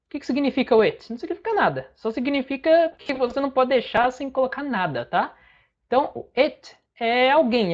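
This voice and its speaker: A woman's voice: on the high side, lo-fi sound. A woman with a Brazilian Portuguese accent teaching an English lesson, patiently breaking phrases down word by word. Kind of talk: online language lesson.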